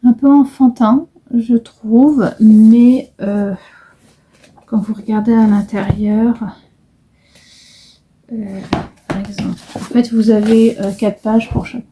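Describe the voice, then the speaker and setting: A woman's voice: a little high, steady tone, slow, long pauses, warm tone, a little hiss or hum. A middle-aged woman chatting casually in a vlog about her embroidery, hesitant and rambling with many fillers and restarts. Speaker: embroidery vlogger.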